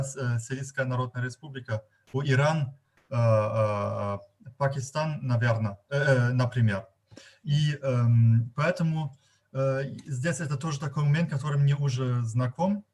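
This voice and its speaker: German guy, non-native accent, giving off-the-cuff forum remarks, lots of searching for words, mid pitch. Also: unhurried, a little mellow. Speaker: guest participant at a media forum.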